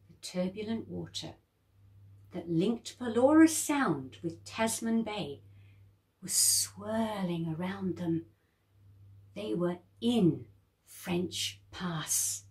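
A woman reads a children's story aloud in an expressive, lively way, raising her voice high whenever the children speak.

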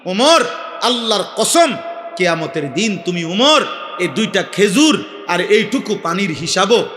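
A man from Bangladesh preaching a fiery sermon, declaiming and often shouting at a large gathering. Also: sits high, very animated, a little slow. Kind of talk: Bengali waz sermon. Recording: echoey hall with long reverb.

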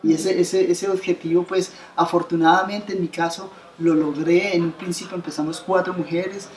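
A Colombian woman in her fifties, founder of an association, tells her story as an interview guest in a bright living room by a window. Her voice sits on the low side, a little mellow, with slight hiss or hum and roomy living-room acoustics. She talks earnestly and conversationally, gesturing, restarting often and repeating words.

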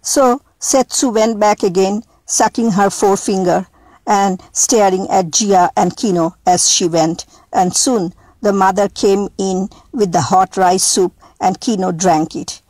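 A woman reading a storybook aloud in a slow, deliberate manner, addressing listeners as a storyteller. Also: medium pitch, steady tone, darkish tone, no room sound, poor audio.

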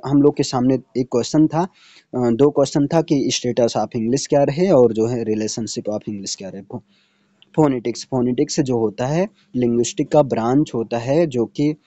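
A man talks through an exam-prep lesson in a deep, dark, mellow voice. The recording is dry and a little muffled. He explains step by step and keeps checking in with his listeners. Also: no room sound. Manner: explanatory, checks in with "theek hai" and fillers. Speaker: teacher.

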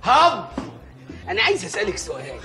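An actor playing a bumbling, short-tempered village mayor in a comedy sketch, with an Egyptian accent, ranting and pleading loudly. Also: male voice, high voice, wildly swooping pitch, quick pace, soft background music, exaggerated voice. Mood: exasperated. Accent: Egyptian Arabic. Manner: loud comic ranting and pleading.

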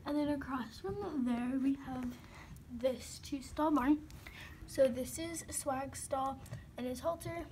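A woman with a high voice slowly and casually tours her toy horse barn, listing items in a chatty way, going soft at times and slipping into whispers. She's unseen, filming on a handheld phone in a carpeted room at home, with a little hiss or hum.

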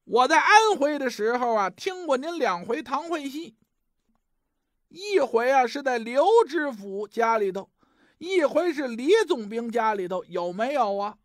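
Guy storyteller doing a friendly effusive opera-fan gentleman, high pitched, dramatic. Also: lively intonation, measured pace, no room sound, clean studio sound, exaggerated voice. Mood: delighted. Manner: hearty, familiar, polite.

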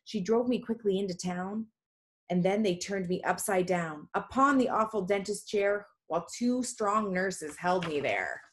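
Woman reading a story poem aloud. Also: mid-range voice. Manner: lively storytelling with quick asides. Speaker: online reading tutor. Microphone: video call.

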